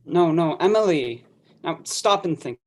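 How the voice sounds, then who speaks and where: A girl playing a gentle, soothing father. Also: on the low side, animated, measured pace. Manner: soothing, reassuring. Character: gentle middle-aged father calming daughter. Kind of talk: amateur play reading.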